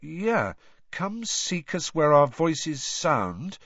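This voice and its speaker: A man's voice: a little high, big pitch swings, extremely slow, fairly bright tone, no room sound, pitched above the performer's own voice, exaggerated voice. A man voicing an earnest, indignant teenage boy wizard in an audiobook. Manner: earnest, indignant, a bit awkward. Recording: dry, dull lo-fi recording.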